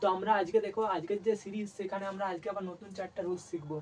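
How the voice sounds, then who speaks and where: A man's voice: high-pitched, fairly even intonation, rapid-fire, far from the mic, low-quality recording. A man from West Bengal teaching a language lesson. He asks questions and answers them himself, and repeats each word he teaches. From West Bengal, India. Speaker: English teacher.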